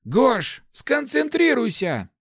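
A man doing a shrill hissing scheming mage. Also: animated, slow pace, a little mellow, no room sound, studio quality, full character voice. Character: high-strung male mage, hissing and scheming.

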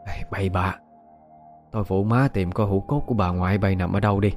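A scolding middle-aged rural mother, played by a male narrator, with a fairly low voice. She talks in a sharp, nagging manner over faint music. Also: fairly even intonation, brisk.

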